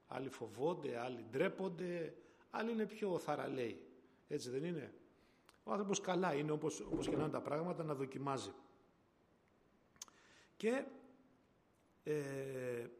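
A man's voice: a little high, creaky. A man preaching a sermon in a conversational way that grows emphatic, in a church hall. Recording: long hall reverb.

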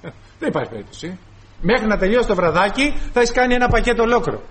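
Guy preaching a sermon, kinda high voice, does little dialogues with himself. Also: lively intonation, fairly bright tone. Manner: acts out short dialogues with the flesh; addresses the congregation as brothers.

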